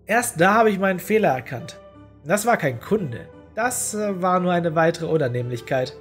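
Woman, lowish voice, deadpan story narration, soft music underneath. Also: moderate pace. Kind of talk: audio horror story reading.

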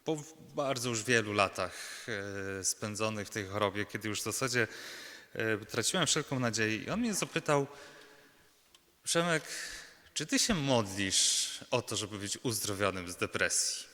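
A man preaching a personal retreat sermon as a Jesuit preacher, earnest and halting, with many fillers and restarts and rhetorical tag questions to the congregation. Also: on the low side, expressive, pushed and bright. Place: large church. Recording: long church reverb.

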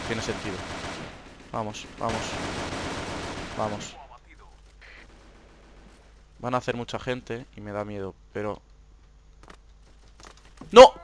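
A young man from Spain with a Spanish accent, hosting live gameplay commentary, swinging from hushed whispers to excited shouts. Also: mid-range voice, noisy background. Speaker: gaming channel host.

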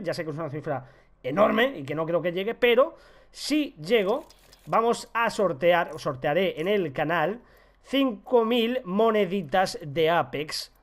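Excitable high-voiced Spanish gamer man. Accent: Spain Spanish. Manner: excitable, loud outbursts, self-mocking. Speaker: gaming YouTuber. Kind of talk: live gameplay commentary.

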